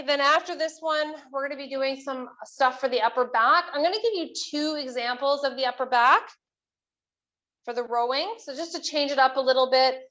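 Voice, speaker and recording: A woman's voice: high-pitched, a bit bright, muffled recording. A woman coaching a workout as an aerobics instructor, cueing moves and counts in an encouraging, instructional way. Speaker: fitness instructor leading a workout.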